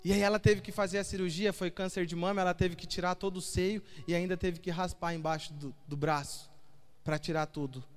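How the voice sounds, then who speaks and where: Very high-voiced man preaching in a hall. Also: fairly even intonation, brisk, smooth. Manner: emotional, storytelling with quoted dialogue. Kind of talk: sermon testimony. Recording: hall reverb with faint music.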